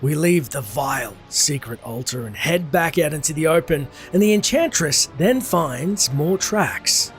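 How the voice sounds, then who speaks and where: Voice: mid-range voice, lively intonation, measured pace, hardly any pauses, faint music behind. A narrator telling a video game's story in formal, scripted storytelling style. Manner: formal storytelling in first person plural.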